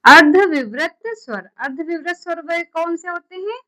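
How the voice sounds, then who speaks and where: A woman's voice: very high voice, moderate pace, pushed and bright, low-quality recording. A woman teaching a class, repeating key terms and quizzing her students with questions. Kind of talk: classroom lecture.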